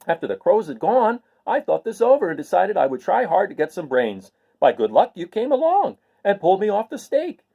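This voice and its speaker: A man's voice: high-pitched, very animated, brisk, gravelly, hardly any pauses, mellow, breathy edge, dull audio, voice pushed up, exaggerated voice. A man voicing a naive, earnest and cheerful scarecrow stuffed with straw in a storybook reading. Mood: wistful, eager. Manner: earnest, artless, wondering.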